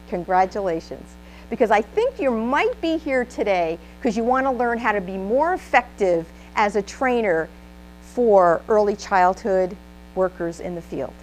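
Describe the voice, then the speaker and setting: A woman's voice: fairly high pitch, a little hiss or hum, low-quality recording. A woman giving a motivational training talk, upbeat and emphatic, leading a live audience in call-and-response. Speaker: presenter giving a trainer workshop.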